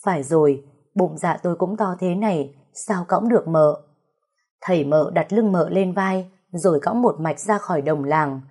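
A woman narrating a first-person story in a slow, emotional, dramatic reading. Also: on the low side, a little mellow, slightly rough.

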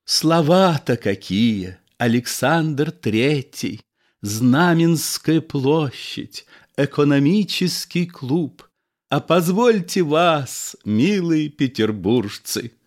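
A man's voice: fairly high pitch, animated, very slow, darkish tone, voice pushed up. A lyrical, theatrical old actor, performed by a male reader. He drawls and declaims with sweeping rises and falls, savoring every word.

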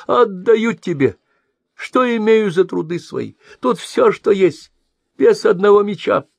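A shrill, whining old blind merchant, greedy and wheedling, as a male storyteller puts him on. The voice sits far above the reader's own low register and sounds dry and close. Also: expressive, unhurried, vocal fry, husky, no echo, heavily acted.

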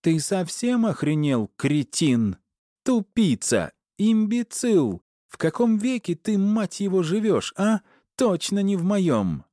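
Мужчина изображает разъярённую богиню-жену. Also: male voice, on the high side, huge pitch swings, normal speed, hardly any pauses, darkish tone, dry recording, clean studio sound, voice pushed up. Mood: furious. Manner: screaming insults, hissing sarcasm. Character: furious young goddess wife, shrill and cursing.

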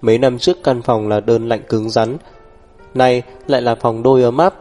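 A man narrating a novel in an even, unhurried storytelling voice. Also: mid-range voice, soft background music. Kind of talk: audiobook novel reading.

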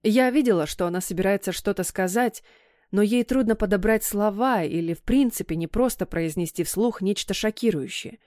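A woman reads a first-person novel aloud with expressive storytelling. Her voice sits at an ordinary middle pitch for a woman. The recording is dry and close, with no room reverb. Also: moderate pace. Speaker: audiobook narrator. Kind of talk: first-person audiobook narration.

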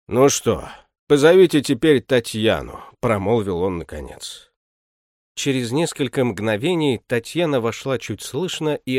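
A male audiobook narrator reading literary prose with a lively, varied pitch and a mid-range voice. The sound is dry and close, with no room around it. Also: no echo.

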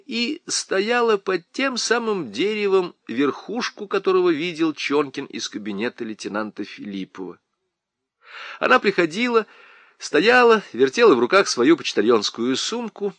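A man narrating a novel aloud in an expressive, ironic storytelling manner. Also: mid-range voice, no echo. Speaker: audiobook narrator. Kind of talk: scripted narration.

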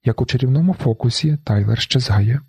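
A man reading a novel aloud in the first person, with a flat, brooding delivery. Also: mid-range voice, a little fast, breathy edge, dry recording. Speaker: audiobook narrator.

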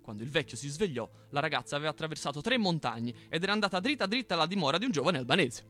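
Radio guy reading a folk tale, expressive, bright and a bit high, music behind. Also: very fast. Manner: animated, expressive storyteller. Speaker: radio host. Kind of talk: reading a folk tale aloud, then chatting. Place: radio studio.

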